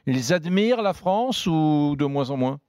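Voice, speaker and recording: Radio host, man with a high voice, friendly and brisk with his questions. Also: lively intonation, a little mellow, clear, resonant tone. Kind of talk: radio interview.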